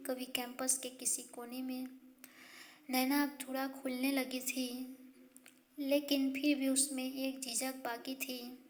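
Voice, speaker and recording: A woman narrating an audio love story, reading slowly and correcting herself as she goes. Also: high voice. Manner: slow reading with spoken self-corrections.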